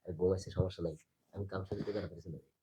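Man playing a pushy sneaky boyfriend, low husky voice. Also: fairly even intonation, rapid-fire. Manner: pushy, coaxing in hushed tones. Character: sneaky young boyfriend caught visiting at night. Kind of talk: skit acting.

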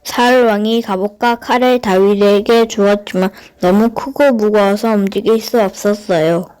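A woman's voice: medium pitch, steady tone, moderate pace, a little mellow, clean tone. A woman narrating a scripted Bible story for children.

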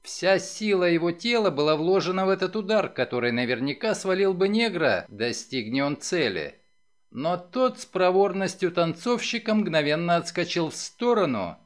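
A man narrating a novel as an audiobook, in a dramatic, expressive reading. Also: sits high. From Ukraine. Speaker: audiobook reader.

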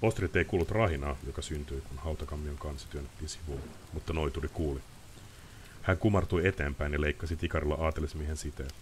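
A man's voice: very deep voice, a little hiss or hum. A man reading a novel aloud on a live stream, with casual asides. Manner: lively reading with chatty asides. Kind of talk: audiobook-style reading.

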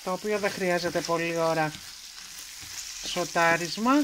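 A woman's voice: fairly low pitch, fairly even intonation, background noise. A woman presenting a home recipe in a kitchen, explaining each step in a homely, chatty way. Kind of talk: cooking tutorial narration.

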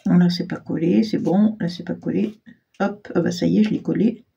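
A woman hosting a casual crafting tutorial, chatty and self-deprecating, full of fillers and clearing her throat often. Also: fairly low pitch, fairly even intonation, normal speed, mellow, highs cut off. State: frequent throat clearing, frog in throat. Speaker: crafting channel host.

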